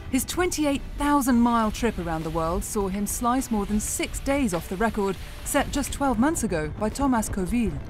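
Woman, news voice-over, polished and measured, faint music behind. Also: mid-range voice. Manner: measured, polished broadcast delivery. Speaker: narrator. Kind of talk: scripted sports news narration.

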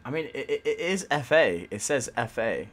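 A man's voice: mid-range voice, very animated, normal speed, fairly bright tone, slight background noise. A young man giving let's play commentary on a desktop mic, swearing a lot with jittery nervous laughter. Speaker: gamer.

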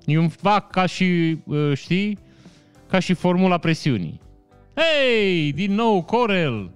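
A man's voice: sits high, very animated, clear, resonant tone, dry recording, faint music behind. A man hosting a casual live stream, greeting viewers by name and answering chat comments with frequent laughs. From Romania.

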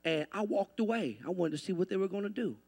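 A middle-aged man preaching a sermon as pastor. His folksy storytelling to the congregation builds into shouted preaching. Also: sits high, fast talker. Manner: folksy, speaks to the congregation as y'all.

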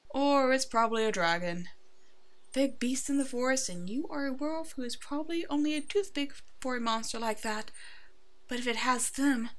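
A woman gives light voice acting to a brave, protective werewolf in an ASMR roleplay. Her high voice is soft and hushed, soothing yet halting, and the mood is anxious.

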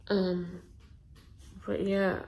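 A woman's voice: on the low side, level tone, drawn-out words, gravelly, a little mellow. A young woman in her twenties chatting to a vlog from a hospital bed, sore and tired, her words stiff and muffled by a swollen jaw with ice packs. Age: 20s. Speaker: patient vlogging her recovery. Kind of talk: casual vlog chat. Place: small hospital room, in bed. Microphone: phone at arm's length. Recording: noisy hospital room on a phone.

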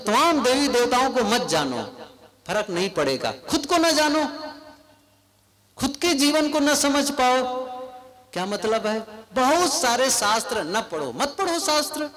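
A man giving a devotional sermon to a live gathering, speaking slowly and often asking the audience questions. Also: extremely high pitch, a bit bright. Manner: slow, questioning, with rhetorical asides to the audience. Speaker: spiritual preacher. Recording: crowd noise from a live gathering.

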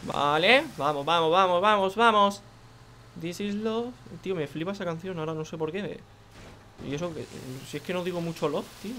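A young man with a Spain Spanish accent giving excitable, joking commentary over a racing game, full of exclamations. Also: sits high, a little fast, a little hiss or hum. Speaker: gaming video creator. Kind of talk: casual gameplay commentary.

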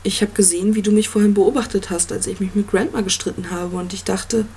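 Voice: mid-range voice, steady tone, fast, a little hiss or hum, lightly acted. A reader doing an angry, tormented boy. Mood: hurt, hesitant. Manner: loud, raised, agitated. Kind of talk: audiobook reading.

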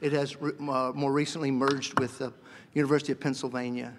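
A man giving a seminary lecture in a lively, joking way, sometimes acting out voices. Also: medium pitch, a little fast. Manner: lively, jokey, acts out voices. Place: lecture hall. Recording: reverberant lecture hall.

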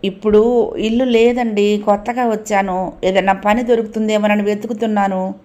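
A woman's voice: mid-range voice, steady tone, normal speed, darkish tone, close to an everyday voice. A woman voicing a frightened, helpless young woman who pleads anxiously. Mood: pleading.

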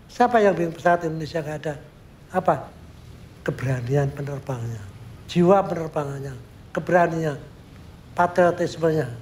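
An older man recalling his work in a documentary interview, an animated storyteller who acts out what he remembers. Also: a little high, normal speed, pauses often, a little hiss or hum. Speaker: sculptor recounting his work.

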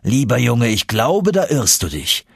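A man voicing a calm, confident older professor who speaks slowly and evenly. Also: vocal fry, breathy edge, no room sound, studio quality, heavily acted. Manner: slow, low, unruffled.

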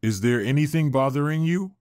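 A man reading the part of a cheerful male doctor who speaks warmly and eagerly. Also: a little high, fairly quick, no room sound, studio quality, pitched above the performer's own voice, lightly acted. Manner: warm and eager.

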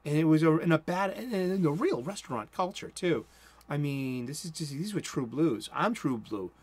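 The dry recording captures a slightly rough, fairly high male voice at a moderate pace. He's the host, a Bostonian in his forties preaching casually from a cluttered room at home, rambling and breaking off mid-thought, mumbling and speeding up in excited moments.

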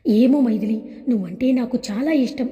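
Woman reading a lovesick young man, tender, wistful, high, mellow, long hall reverb. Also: moderate pace, highs cut off, natural voice.

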